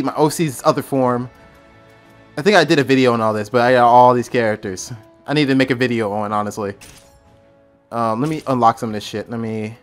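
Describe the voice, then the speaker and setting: A man casually commentating his gameplay on stream, excitable, with loud outbursts, swearing and frequent laughs. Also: medium pitch.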